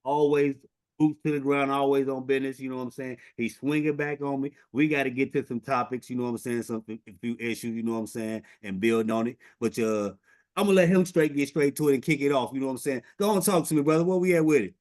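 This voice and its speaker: A man's voice: medium pitch, fast, darkish tone, no echo, clean studio sound. A man hosting a casual interview, often filling with "you know what I'm saying". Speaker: host.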